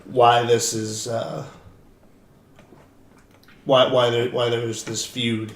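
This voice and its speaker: A man's voice: medium pitch, level tone, extremely slow, far from the mic. A man playing a tabletop game who speaks in long, rambling sentences with fillers, sitting away from the mic in a roomy room. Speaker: player. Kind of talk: casual tabletop game talk. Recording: echoey, off-mic, faint noise.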